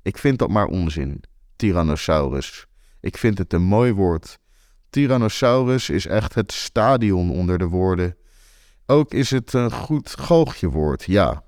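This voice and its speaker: A young man telling a first-person story in a wry, deadpan way. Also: deep voice, a little slow, no room sound, studio quality. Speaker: author and narrator.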